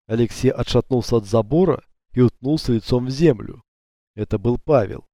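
Mellow-voiced male audiobook narrator. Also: medium pitch, normal speed, no room sound, studio quality.

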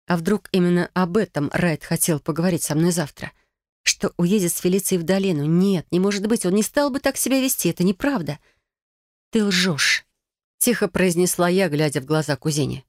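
A woman narrating a first-person story as an audiobook, in a measured, even storytelling manner. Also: fairly low pitch, dry recording, studio quality.

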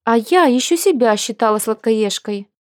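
A woman voicing a fiery young woman soldier, raised and sharp. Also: fairly high pitch, lively intonation, normal speed, no room sound, studio quality, natural voice. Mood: indignant. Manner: indignant, snapping. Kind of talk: audiobook character voice.

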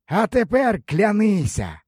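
A man putting on a stern, husky old elder. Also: high-pitched, huge pitch swings, slow pace, a little mellow, no room sound, clean studio sound, pitched above the performer's own voice, full character voice. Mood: solemn commanding. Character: stern old male pagan elder, commanding. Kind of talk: audiobook character voice.

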